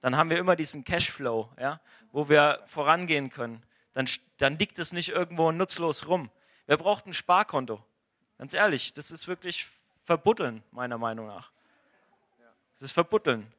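A man's voice: on the high side, moderate pace, pushed and bright. A man chatting casually and frankly about faith and money, opinionated and talkative.

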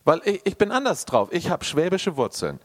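A man preaching a sermon, addressing the congregation directly and swinging between loud emphatic bursts and quiet, intimate asides. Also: a little high, wildly swooping pitch, moderate pace. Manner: addresses the listener directly and personally.

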